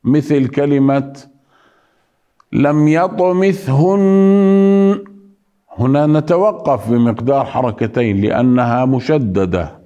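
A man teaching Quran recitation rules, patiently repeating single sounds and words slowly so students can hear the difference, with chanted examples in between. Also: mid-range voice, mellow, highs cut off. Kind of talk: tajweed lesson with recited examples.

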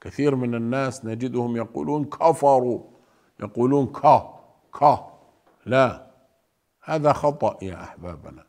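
A man teaching Quran recitation rules, explaining pronunciation and then reciting slowly with drawn-out words. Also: mid-range voice, a little mellow. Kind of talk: tajweed lesson with demonstrations.

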